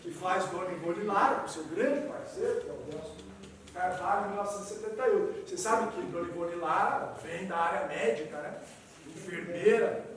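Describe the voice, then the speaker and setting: Male lecturer, high voice, animated delivery, distant mic in a reverberant hall. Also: brisk. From southern Brazil. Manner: animated, wide swings in pitch and loudness, frequent "né". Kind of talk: lecture to an audience. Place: meeting hall. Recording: echoey hall, distant mic, faint noise.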